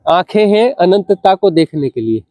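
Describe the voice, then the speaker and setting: Man, spiritual teacher, fairly high voice, mellow tone, dry close sound, unhurried repetitive discourse. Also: big pitch swings, no echo. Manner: unhurried, repeats phrases for emphasis, asks rhetorical questions.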